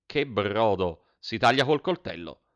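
A man voicing a crude young kitchen boy who talks slowly and roughly. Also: lowish voice, lively intonation, a bit bright, lo-fi sound.

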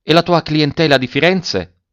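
A man's voice: a little high, normal speed, fairly bright tone, dry recording, clean studio sound, pitched above the performer's own voice, close to an everyday voice. A man voicing a cold, proud aristocratic husband, speaking curtly in a dull lo-fi recording. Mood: questioning. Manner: curt and cold.

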